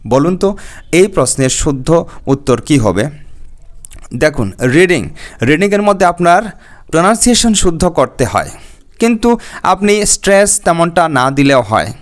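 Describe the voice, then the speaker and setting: A man teaching an exam-prep lesson, explaining patiently, repeating key terms, asking rhetorical questions and reading English phrases slowly. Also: on the high side. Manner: reads English option text slowly and deliberately.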